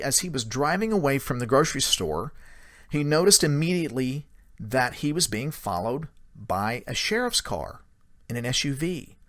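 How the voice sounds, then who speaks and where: A man casually retelling a secondhand story in a conversational way, with many small pauses and "he said" tags. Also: on the high side, fairly bright tone, no room sound, clean studio sound. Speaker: paranormal storyteller.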